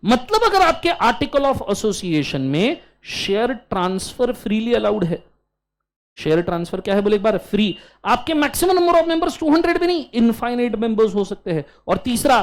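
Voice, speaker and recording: A man with an Indian accent giving a law lecture in a mix of Hindi and English. He drills his students in call-and-response chants and scolds them playfully. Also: sits high. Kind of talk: classroom lecture.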